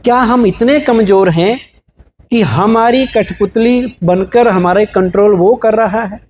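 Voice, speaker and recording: A man with a notably high voice gives a motivational talk to a live audience. He keeps asking the listeners questions, asks for raised hands and builds his points from everyday examples. A faint hiss of noise sits under the recording. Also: a little slow. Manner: explains with everyday examples, lively. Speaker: spiritual speaker.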